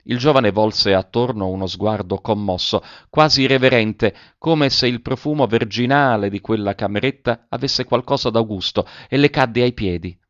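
A man narrating a literary story in a measured, even way. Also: mid-range voice, no room sound, lo-fi sound.

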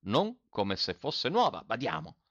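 Man doing a calm lawyer, measured and explaining, storybook figure, dry close mic. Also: mid-range voice, no room sound, highs cut off. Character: measured male country lawyer.

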